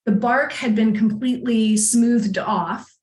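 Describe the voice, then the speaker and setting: A woman coach as a podcast guest, telling personal stories in a chatty, animated way and laughing often. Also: a little high, takes it slowly. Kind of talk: casual conversation, personal storytelling. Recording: echoey room.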